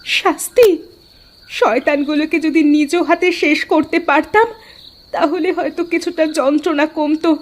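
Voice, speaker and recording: An actress voicing a grieving young widow in a cartoon, bitter, determined and intense. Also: female voice, sits high, steady tone, measured pace. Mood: vengeful. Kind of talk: cartoon voice acting.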